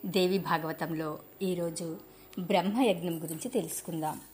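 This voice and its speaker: A woman narrating devotional scripture, reciting long lists of names and mantras in a measured way. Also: on the low side, fairly even intonation, a little mellow, slight background noise.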